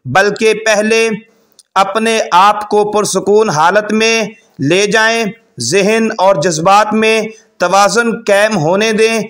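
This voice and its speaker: Male advice presenter, high-pitched, formal and measured scripted read. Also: fairly bright tone. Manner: measured, formal delivery in short phrases.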